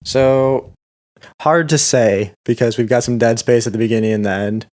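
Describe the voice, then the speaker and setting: A man's voice: mid-range voice, fairly even intonation, normal speed, a little mellow. A young man co-hosting a podcast, bantering casually with a wry, teasing humor. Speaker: podcast co-host. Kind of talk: casual chat.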